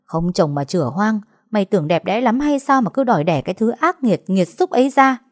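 A woman's voice: medium pitch, lively intonation, brisk, no room sound, clean studio sound, voice pushed up, natural voice. A woman voicing a harsh, furious old grandmother who scolds her family. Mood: scolding. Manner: scolding, sharp-tongued.

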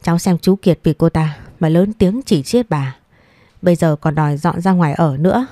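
A woman's voice: lowish voice, normal speed, warm tone, dry recording, clean studio sound, close to an everyday voice. A woman reading as a scornful, bossy old mother. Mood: resentful. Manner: scolding, contemptuous. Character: sharp-tongued older mother, scornful, domineering.

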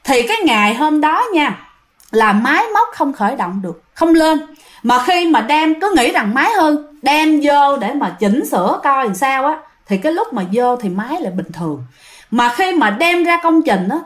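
A woman with a Southern Vietnamese accent casually telling a ghost story and talking to her listeners. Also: sits high. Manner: chatty, addresses listeners directly.

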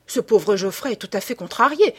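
A woman's voice: medium pitch, expressive, fairly quick, breathy edge. A woman reading a teasing aristocratic duchess. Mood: concerned. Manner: bantering, teasing.

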